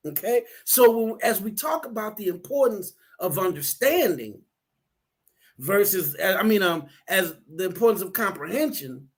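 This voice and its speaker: Guy with a high voice explaining stuff, earnest, keeps repeating himself. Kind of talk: casual discussion.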